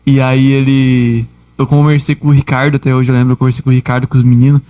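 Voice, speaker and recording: A man's voice: medium pitch, little pitch movement, fast talker, mellow, highs cut off. A man with a Brazilian Portuguese accent, a podcast co-host telling a story in a chatty, slangy way. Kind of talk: casual chat.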